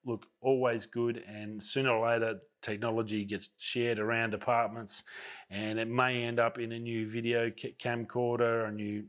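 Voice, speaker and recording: A man, out of breath and chatty, talking enthusiastically about camera news in his daily vlog. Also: mid-range voice. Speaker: vlogger.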